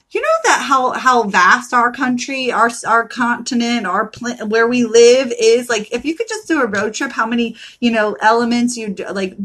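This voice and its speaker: A woman's voice: a little high, fairly bright tone, poor audio. A woman reading tarot cards on a live stream, casual and emphatic, with a profane pep-talk style.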